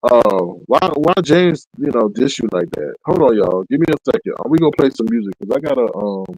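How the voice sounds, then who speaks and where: A man doing impromptu live commentary over a crackling, crunchy distorted microphone, blunt and animated, with laid-back street slang. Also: mid-range voice, a little fast, dry recording. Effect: crunchy, crackling distorted mic. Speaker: livestream commentator.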